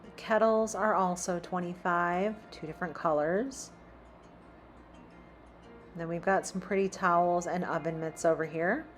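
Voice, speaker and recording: A woman's voice: fairly low pitch, steady tone, a little slow, pauses often, faint music behind. Chatty woman browsing a store. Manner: chatty, reads out prices while browsing. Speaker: shopping vlogger. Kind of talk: casual shop-with-me narration. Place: inside a large store.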